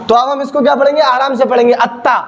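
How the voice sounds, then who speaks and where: High-voiced man drilling students. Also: level tone, rapid-fire. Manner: repetitive call-and-response drilling, asks and answers his own questions. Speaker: Quran teacher. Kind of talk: classroom-style teaching video. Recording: noisy background.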